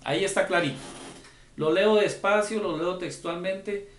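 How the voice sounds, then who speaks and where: A man's voice: high-pitched, a little slow. Lecturing man in an echoey room. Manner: explanatory, often checks with the audience. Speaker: lecturer on accounting and tax. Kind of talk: conference lecture. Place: conference room.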